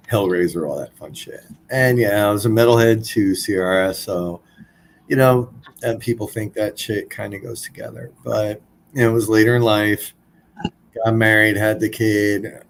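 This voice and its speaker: A man's voice: low voice, slight background noise, poor audio. A man in his forties, a podcast guest, telling a personal story in a blunt, casual way, swearing freely.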